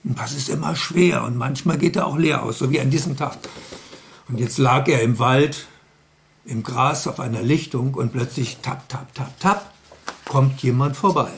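A man's voice: medium pitch, moderate pace, creaky, slight background noise. A man telling a story to children in a playful, chatty way, asking the kids questions.

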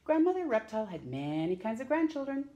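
Talking fast in a warm, sing-song voice on the high side, a middle-aged storytime host reads a picture book to young children. She's in a small room at home, theatrically drawing out words and asking her audience questions, and the recording's highs are cut off.

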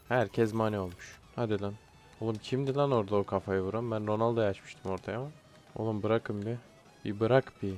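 A young male YouTuber with a darkish voice that sits on the low side casually commentates a football video game as he plays. Frustration runs high, and he repeatedly blurts out complaints and curses at his players.

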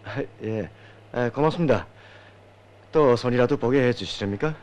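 A man's voice: medium pitch, normal speed, close to an everyday voice. An actor with a North Korean accent playing an earnest, encouraging male coach in his thirties in a film drama, speaking instructively. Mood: reserved, formal. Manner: animated, instructive.

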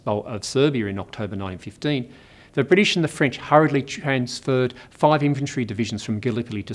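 A middle-aged man with an Australian accent, delivering a scripted history lecture in a measured, precise way, recorded in a studio. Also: mid-range voice.

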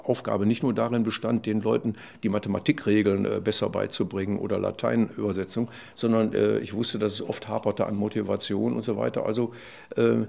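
Man, older, low pitch, gravelly, professor guest, rambling, animated when quoting. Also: fairly quick. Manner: rambling, many fillers and restarts. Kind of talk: conversational explanation.

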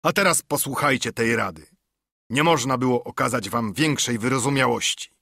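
A male reader puts on a menacing one-legged pirate captain, older and swaggering, who barks threats in a raised voice. The tone is husky and close. It is storybook narration with a rough, cunning edge. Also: medium pitch, moderate pace, pushed and bright, no echo, exaggerated voice. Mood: bargaining.

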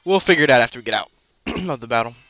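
A man with a bright, crisp, smooth voice talks over his own gameplay in a loose, unscripted way. He rambles, trails off into fillers and corrects himself mid-sentence. Faint game music plays underneath. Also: medium pitch, lively intonation, rapid-fire. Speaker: let's play host. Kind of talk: casual gameplay commentary.

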